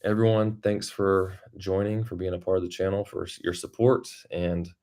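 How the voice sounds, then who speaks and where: A man's voice: low voice, flat delivery, normal speed, a little mellow. A man hosting a casual, unscripted livestream, rambling and thinking aloud as he talks to viewers. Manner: rambling, thinking aloud while reading the chat. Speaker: YouTube creator hosting a livestream.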